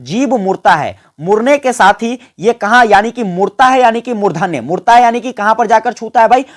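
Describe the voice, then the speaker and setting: A man teaches an exam-prep grammar lesson, constantly quizzing listeners, answering his own questions, and having them repeat sounds with him. His voice is high and brisk with lively intonation.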